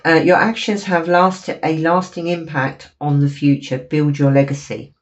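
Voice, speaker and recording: Speaking at a normal pace in a low, level tone, a woman with a cold sniffles through an apologetic, talkative tarot reading aimed at the camera, packed with fillers. Faint noise runs under the dull, lo-fi sound.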